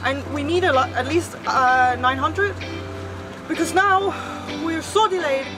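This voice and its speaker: Chatty high-voiced woman sailing vlogger. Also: a little slow, music in the background. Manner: chatty, laughs often, excitable. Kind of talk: casual vlog talk. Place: outdoors on a sailboat deck in a marina. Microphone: action camera at arm's length.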